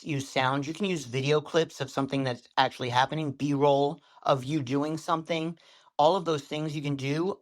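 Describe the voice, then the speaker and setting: A man being interviewed as a social media coach, telling stories with shifting speed and tone on what sounds like a video call. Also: on the high side. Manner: animated storyteller, varies speed and tone for effect. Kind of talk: podcast interview.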